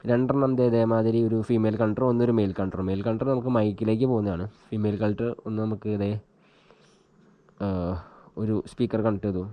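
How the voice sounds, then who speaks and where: Here a man talks at a quick pace in a fairly low, fairly even voice while casually demonstrating an installation for a tutorial, reasoning aloud as he works. The recording from his helmet action camera is muffled but has no echo.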